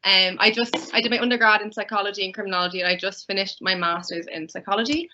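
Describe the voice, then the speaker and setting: A young woman in her twenties introducing herself as a student ambassador on a video call, relaxed and hesitant. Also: mid-range voice, quick pace, a little hiss or hum. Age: 20s. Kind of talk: casual chat. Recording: muffled video-call audio.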